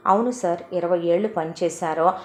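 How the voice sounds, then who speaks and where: A woman's voice: on the low side, normal speed, roomy sound, natural voice. A woman voicing an anxious adult son pleading with a doctor in an audio story. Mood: worried.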